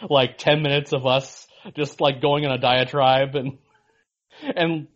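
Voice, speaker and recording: A man's voice: mid-range voice, little pitch movement, unhurried. A man hosting a sports podcast in casual chat, rambling with lots of fillers and restarts. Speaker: podcast host. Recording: dull lo-fi sound.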